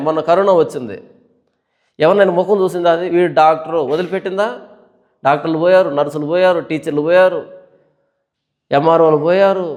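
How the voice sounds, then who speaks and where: A man pastor giving a Bible study sermon, reading scripture verses slowly and formally, then explaining them with rhetorical questions and repeated lists. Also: high-pitched. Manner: preaching with rhetorical questions and repetition; reads scripture verses in a slow formal cadence.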